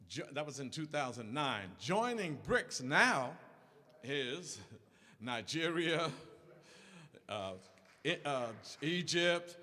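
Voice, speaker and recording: Man, fiery political speech, high voice, long hall echo. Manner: impassioned, repetitive, rising to shouts. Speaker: activist speaker. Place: large church hall. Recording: echoey hall reverb.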